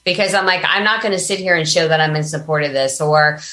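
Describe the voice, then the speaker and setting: Her voice sits low and sharp, and she talks fast in a roomy-sounding space. The speaker is an American woman, a business coach appearing as a podcast guest, relating personal anecdotes in an informal, emphatic conversational interview.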